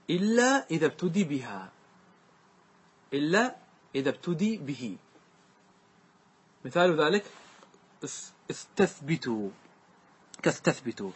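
A man's voice: fairly high pitch, fairly bright tone, breathy edge. A man teaching a grammar lesson, asking the class questions and repeating the answers to them. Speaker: teacher explaining grammar verses.

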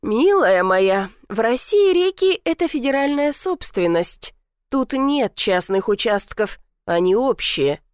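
A woman voicing a dry-witted police officer in his thirties in an audiobook, calm, mocking and unbothered. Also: fairly high pitch, unhurried, clear, resonant tone, no echo. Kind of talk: audiobook character voice.

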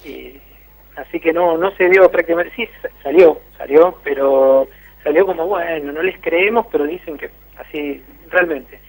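At normal speed and in a slightly high voice, a man with an Argentine accent reports by phone for a radio interview. He sounds hesitant, with lots of fillers and restarts, and the line is tinny.

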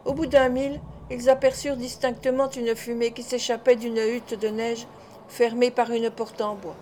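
A woman narrates an audiobook in a measured, expressive way, her voice sitting a little higher than average. She reads steadily with a scripted storytelling cadence, and a little hiss or hum can be heard.

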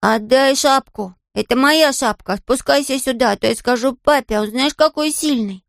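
A woman's voice: sits high, moderate pace, creaky, dry recording, studio quality, voice pushed up. A woman voicing a sulky, whiny little boy in a children's storybook reading. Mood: demanding. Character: small boy, sulky and tearful.

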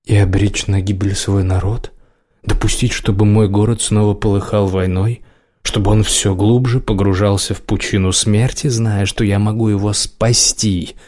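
A man voicing a calm, cold male sorcerer who speaks evenly and slowly. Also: fairly low pitch, natural voice. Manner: even, measured, unhurried.

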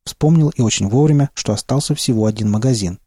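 Man, audiobook narration, steady delivery, warm dark tone, husky. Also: mid-range voice, fast, no room sound, studio quality. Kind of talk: first-person audiobook narration.

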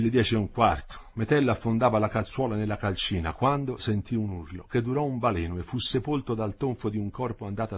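A man narrating a novel as an audiobook, in an expressive, dramatic reading. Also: fairly low pitch, slightly rough. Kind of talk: scripted narration.

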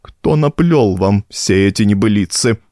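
A man's voice: on the high side, sing-song, normal speed, darkish tone, no room sound, studio quality, pitched above the performer's own voice. A man voicing a hulking former postmaster, blustering and sarcastic while scared. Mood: defensive.

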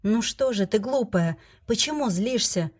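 A woman voicing a devoted young male dragon lord who coaxes and pleads softly. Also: a little high, lively intonation, unhurried, slightly rough. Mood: pleading. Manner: soft, coaxing pleading.

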